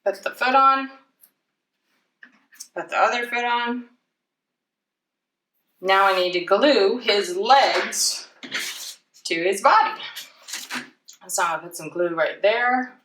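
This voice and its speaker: Captured on a distant mic in a roomy space with clear background noise, a children's library storytime presenter demonstrates a craft casually for kids. Her medium-pitched voice has a sharp tone, and she takes it slowly with long pauses while chatting playfully and poking fun at herself.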